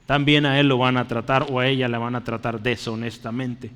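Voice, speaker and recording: A man's voice: medium pitch, flat delivery, fairly quick, fairly bright tone, clear, resonant tone, big-room sound. A man preaching a sermon earnestly, calling his listeners brother and asking them questions. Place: church.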